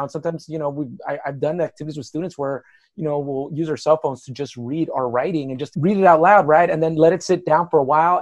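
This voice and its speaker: A man's voice: on the high side, darkish tone. A man who teaches writing, chatting on a podcast, self-deprecating and rambling with many "you know"s. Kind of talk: podcast conversation.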